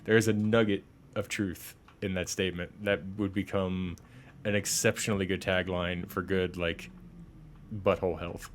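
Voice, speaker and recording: A man's voice: sits low, level tone, moderate pace, slight background noise. A young man casually commenting on a game he plays, joking and rambling to viewers. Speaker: gaming streamer. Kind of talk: casual let's-play commentary.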